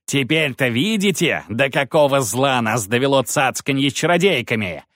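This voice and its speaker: A male narrator voicing a gaunt fanatical priest who preaches in a slow, drawn-out tirade in an audiobook. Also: medium pitch, animated, a bit bright, no echo, studio quality, voice pushed up, close to an everyday voice. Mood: ranting. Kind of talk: audiobook character voice.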